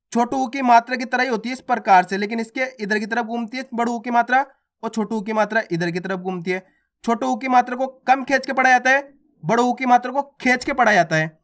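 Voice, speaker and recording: A man teaching beginners to read, explaining patiently and often checking that it is clear, then chanting each syllable twice in a drawn-out voice. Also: extremely high pitch, fairly bright tone. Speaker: Hindi teacher. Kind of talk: beginner reading lesson.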